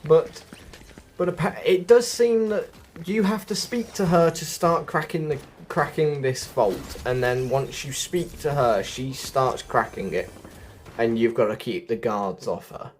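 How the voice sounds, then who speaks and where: This man's voice sits in the mid range and he takes his time, with a bit of background noise behind him. His gameplay walkthrough is relaxed and chatty, and he frequently thinks aloud while showing viewers the way.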